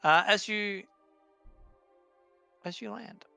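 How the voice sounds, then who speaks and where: A man's voice: sits high, takes it slowly, gravelly, pushed and bright, faint music behind. A man narrating as dungeon master, with a loose, casual manner full of fillers. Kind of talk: narrating a tabletop game.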